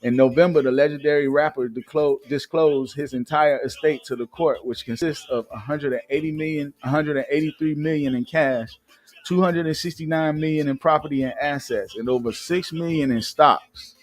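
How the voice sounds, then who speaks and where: A fairly high-pitched man, speaking at a moderate pace, hosts a live Atlanta show. He chats informally and reads the news, his loose delivery full of fillers and restarts.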